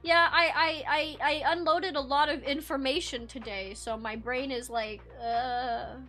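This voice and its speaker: A woman's voice: high voice, fairly even intonation, a little slow, faint music behind. A young woman streaming, chatting casually with viewers in a sleepy, rambling way with many restarts. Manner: laid-back, rambling with many restarts and soft laughs. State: sleepy, yawning. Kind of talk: casual live-stream chat reading viewer comments.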